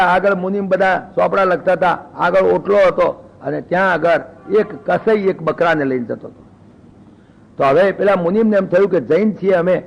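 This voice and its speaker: Older man, spiritual talk, folksy storytelling, gravelly edge. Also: high voice, highs cut off. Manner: folksy storyteller voicing characters in quoted dialogue. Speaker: spiritual speaker.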